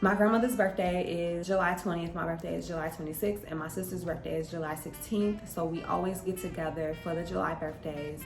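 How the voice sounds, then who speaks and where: A young adult woman with a slightly low voice tells a personal story to her viewers, vlogger-style, in a conversational and emphatic way. She speaks briskly with a steady tone and few pauses, in an echoey room with music playing behind her.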